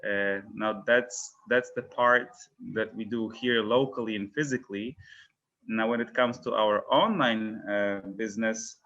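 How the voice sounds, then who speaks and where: Man, from Poland, interview guest, halting with restarts, dull lo-fi sound. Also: fairly low pitch, sharp tone. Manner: hesitant, many fillers and restarts. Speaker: guest, education company founder. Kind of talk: casual interview talk.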